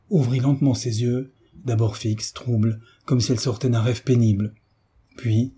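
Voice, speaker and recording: A man narrating a classic novel in a measured, expressive reading. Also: fairly low pitch, slightly rough.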